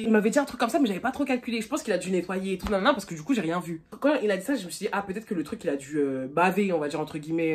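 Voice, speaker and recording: A young woman from France telling a storytime vlog in a slangy, animated way, acting out both sides of the dialogue. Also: medium pitch. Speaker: YouTuber. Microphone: phone camera.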